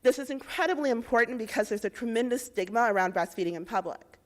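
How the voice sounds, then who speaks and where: A young woman from Indiana presents a rehearsed policy pitch in a slightly high voice. She lays out facts and figures in a clear, measured, persuasive way. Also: expressive.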